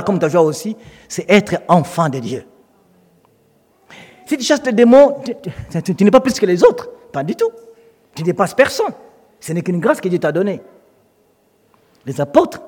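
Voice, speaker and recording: A man delivers a sermon in a high, lifted voice. He tells stories with animation and slips into the voices of the people he quotes. His words ring out with the long reverb of a large hall. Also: breathy edge. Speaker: preacher.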